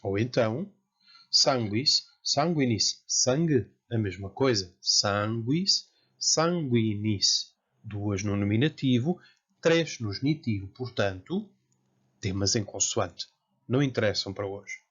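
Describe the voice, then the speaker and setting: A man from Portugal with a European Portuguese accent, giving a careful, slow lecture as a Latin teacher. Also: on the low side, lively intonation, a bit bright, breathy edge. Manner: slow, careful, spells out word forms. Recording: dull lo-fi sound.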